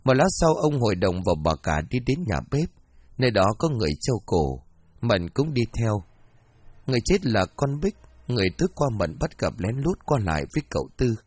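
A man narrating a ghost story in an expressive storytelling manner, as an audiobook. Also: medium pitch, slightly rough.

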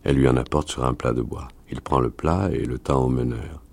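A man reading a novel aloud in a slow, deliberate way. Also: extremely low pitch, steady tone, creaky, a little mellow, slightly rough. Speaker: reader.

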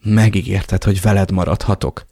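A man's voice: low voice, little pitch movement, warm tone, no room sound, studio quality. A man voicing a distraught young woman who pleads and protests in tears, in an audiobook reading. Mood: pleading. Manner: pleading, tearful, slowed delivery.

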